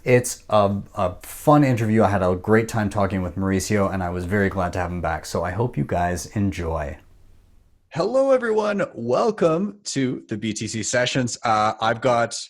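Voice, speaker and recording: A man's voice: lowish voice, very animated, normal speed. A man in his thirties hosting an interview, upbeat and conversational, speaking from a home office into a studio mic. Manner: upbeat, conversational, with filler words. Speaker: podcast host. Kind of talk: casual interview. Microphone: studio mic with headphones.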